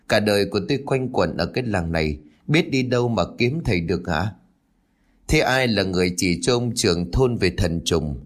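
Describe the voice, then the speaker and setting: A man narrating a ghost story aloud, lightly voicing the characters as he reads. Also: on the low side. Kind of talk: scripted horror story narration. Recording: faint music behind.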